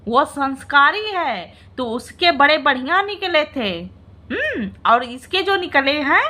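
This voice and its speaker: A woman's voice: sits high, expressive, unhurried, bright, forceful tone. A woman vlogger in a casual reaction video, teasing and mocking, often breaking into laughter and mock-dramatic wailing.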